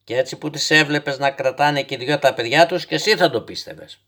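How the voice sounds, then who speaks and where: A man voicing a fanciful, stubborn old grandfather who calmly tells a child tall tales in a storybook reading. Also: a little high. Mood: patient. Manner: calm, gently instructive, tall-tale telling.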